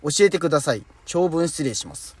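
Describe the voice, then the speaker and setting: A young man with a high voice that never broke, chatting as host of a casual podcast. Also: animated, fairly quick, slight background noise. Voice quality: high, unbroken voice. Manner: chatty, dialect-heavy, laughs often. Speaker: radio show host. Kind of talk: casual podcast chat reading listener letters.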